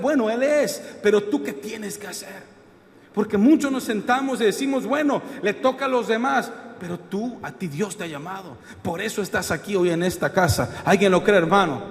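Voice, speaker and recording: A man's voice: high-pitched, fairly quick, long reverb tail. Fervent preaching man. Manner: fervent preaching with questions to the congregation. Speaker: pastor. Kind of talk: sermon. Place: church hall.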